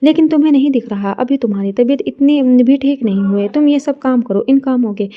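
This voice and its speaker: A woman's voice: high-pitched, brisk, narrow, tinny audio, lightly acted. A woman voicing a playful young man who teases his friends and fusses over the woman he loves. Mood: caring.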